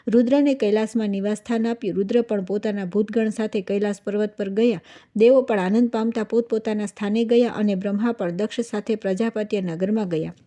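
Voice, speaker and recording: A woman's voice: medium pitch, a little fast. Woman reciting a scripture story evenly. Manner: steady, even devotional recitation.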